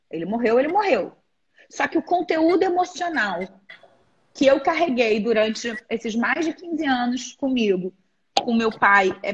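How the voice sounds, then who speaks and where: A woman in her forties with a Brazilian Portuguese accent, a therapist speaking as a guest in a live-stream interview. She explains earnestly and haltingly, with many restarts. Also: high voice, slightly rough, lo-fi sound. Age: 40s. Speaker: guest therapist and teacher of energetic alignment.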